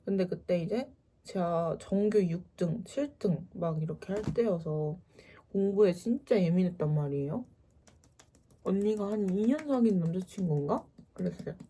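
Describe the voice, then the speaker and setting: A woman's voice: lowish voice, animated, normal speed, mellow, a little hiss or hum. A young woman casually telling a personal story, acting out the quoted lines with animation.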